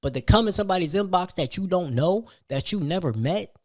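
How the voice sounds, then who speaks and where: A podcast host tells a personal story as a casual, slangy rant, emphatic and heavy on repeated phrases and rhetorical questions. His voice sits high and is a little mellow, animated and fairly quick.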